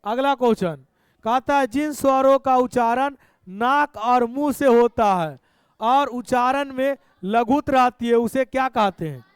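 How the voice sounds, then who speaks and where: A male teacher runs through exam questions, coaxing and repeating each answer. His voice sits very high, smooth and resonant. The sound is close and dry. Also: measured pace, no echo. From Bihar, India. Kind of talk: exam-prep lesson.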